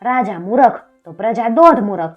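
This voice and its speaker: A woman's voice: fairly high pitch, expressive, normal speed, husky, muffled recording, faint music behind. Woman doing a sly mocking court jester. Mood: scornful. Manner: sly, teasing.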